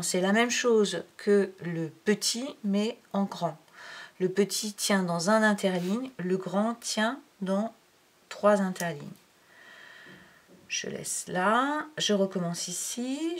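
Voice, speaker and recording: Teacher lady talking slow thru letter writing, counts strokes out loud, goes almost whispery sometimes, middle pitch. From France. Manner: slow, counting aloud while writing, drops to near-whisper. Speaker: primary school teacher. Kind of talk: handwriting lesson, step-by-step.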